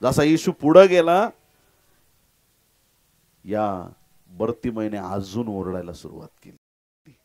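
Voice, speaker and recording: A man preaching a sermon as pastor, fervent and dramatic, swinging from loud, rising cries to hushed, low asides. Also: expressive, takes it slowly, pauses often.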